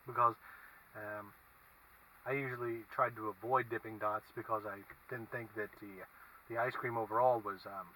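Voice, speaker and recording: A man talks through a casual food review in a very bright, edgy voice. He muses haltingly between bites inside a car. The mic sits at a distance, and faint traffic noise runs underneath. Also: fairly low pitch, fairly even intonation. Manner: halting, musing. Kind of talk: casual vlog review, talking while eating. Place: inside a parked car with windows down.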